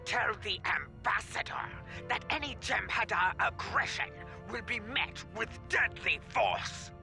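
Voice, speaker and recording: Stern ship commander threatening over a faint distant radio hail, gravelly and high. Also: male voice, very animated, measured pace, bright, forceful tone, faint music behind, full character voice. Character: stern male starship commander issuing a threat. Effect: faint distant radio transmission. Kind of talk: video game voice acting.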